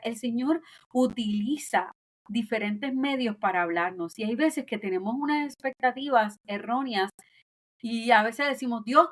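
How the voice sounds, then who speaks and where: Earnest woman preaching on a podcast. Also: fairly high pitch. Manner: earnest, exhorting, slows down to stress points. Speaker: podcast host. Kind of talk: devotional preaching.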